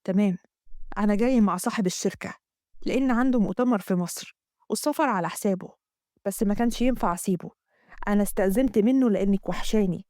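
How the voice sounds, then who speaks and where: A woman doing a soft-spoken devoted husband. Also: mid-range voice, fast, dry recording, studio quality, voice pushed down, natural voice. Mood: earnest. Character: devoted young husband back from travel.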